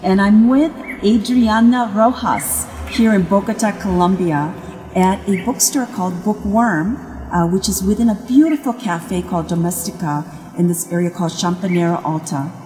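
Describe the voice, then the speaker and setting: A woman's voice: mid-range voice, moderate pace, dark tone. A woman hosting an informal interview in a bookstore cafe, asking long friendly questions. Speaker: interviewer, nonprofit founder. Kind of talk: casual interview. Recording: echoey room with faint music.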